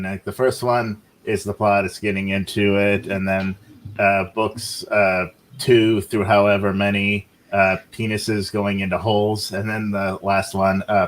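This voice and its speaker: Male podcast host with a low voice, crude joking tone. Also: a little hiss or hum. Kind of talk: casual podcast chat.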